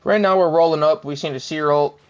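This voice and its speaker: A man's voice: fairly high pitch, fairly even intonation, a little fast. A young man giving casual, laid-back commentary over his own gameplay, chuckling often and poking fun at himself. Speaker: gaming commentator. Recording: dull lo-fi mic.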